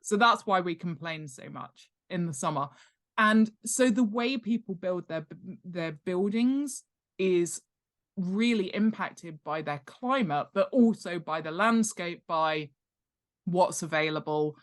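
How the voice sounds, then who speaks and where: A British author and world-building expert appears as a guest in a casual interview, speaking at a measured pace in a lowish voice. She explains things emphatically, with a self-deprecating streak.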